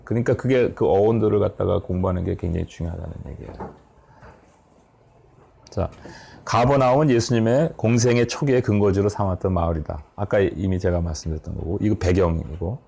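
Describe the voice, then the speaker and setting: A middle-aged man leads a Bible study seminar in an explanatory, conversational way. His voice is low and dark with a gravelly edge, and he often checks whether listeners follow him. He breaks off words and corrects himself as he talks. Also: brisk. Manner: explanatory, checks in with the audience, self-corrects mid-word.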